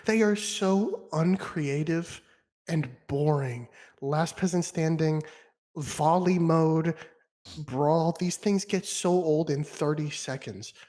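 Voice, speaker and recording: Young male podcast guest, fairly high voice, fast animated rants with plenty of swearing. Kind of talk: casual chat.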